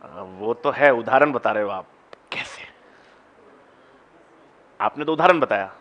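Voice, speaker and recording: A male biology teacher lecturing a classroom, coaxing students to answer and spelling out steps slowly. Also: mid-range voice, lively intonation, fairly bright tone, dull audio. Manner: slow, deliberate when explaining steps.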